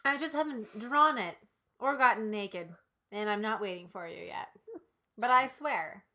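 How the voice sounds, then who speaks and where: A woman co-hosting a comedy podcast, teasing the story with quick jokes. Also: mid-range voice, expressive, sharp tone. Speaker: podcast co-host. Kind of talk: casual comic chat.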